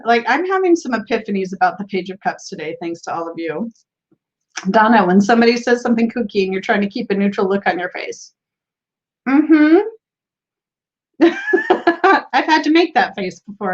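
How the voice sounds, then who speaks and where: A woman's voice: on the high side, dull audio. A woman hosting a tarot livestream, chatting casually, reading viewer comments aloud and laughing often. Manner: giggly and bubbly, laughs often.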